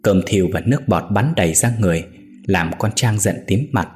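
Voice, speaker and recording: Low-voiced male storyteller over soft music. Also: a little fast. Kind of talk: dramatic story narration. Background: faint music.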